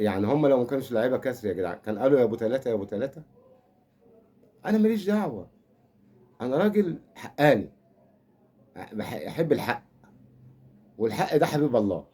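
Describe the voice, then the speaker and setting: This older man, speaking with an Egyptian accent, is a football fan commentator who rambles and teases his way through a comic rant about the game. His mid-range voice sounds mellow, and his manner turns mock-consoling.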